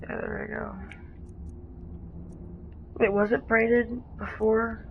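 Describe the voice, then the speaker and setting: A woman casually talking through a game on a live stream, rambling and halting, with frequent restarts. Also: on the high side, level tone. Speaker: gaming streamer. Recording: dull lo-fi stream audio with faint noise.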